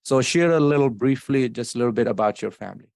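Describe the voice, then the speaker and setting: A man's voice: medium pitch, lively intonation, fast, gravelly, a little mellow, dry recording. A man hosting a podcast interview, friendly and affirming as he chats. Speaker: podcast host. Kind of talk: casual interview talk.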